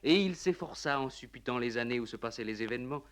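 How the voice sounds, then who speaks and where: A man's voice: medium pitch, clear, resonant tone, lightly acted. A man performing a solemn, declamatory reader of an ancient tale for 1950s radio, recorded on old worn tape. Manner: declamatory, measured, emphatic. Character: male narrator reciting Plato's solemn tale of old priest and Solon. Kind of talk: 1950s radio dramatic reading, scripted narration.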